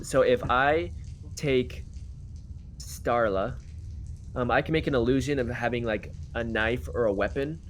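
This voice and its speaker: A man with a medium-pitched voice plays a tabletop game. He lays out plans in casual, conversational talk, with light noise in the room. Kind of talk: casual in-game planning chat.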